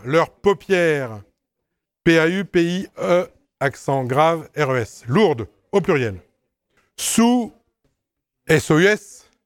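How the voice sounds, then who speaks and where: A man talking slowly and clearly as he goes through a dictation, spelling each word out letter by letter. His voice sits a little high for a man, smooth and crisp, and the sound is dry and close. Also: no room sound. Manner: spells words letter by letter, explains patiently with asides. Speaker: teacher correcting a dictation. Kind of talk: dictation correction lesson.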